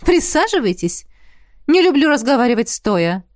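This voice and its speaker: Woman reading as a haughty fairy queen ghost, bossy and brisk, higher voice, dry sound. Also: very animated, no echo. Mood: playful.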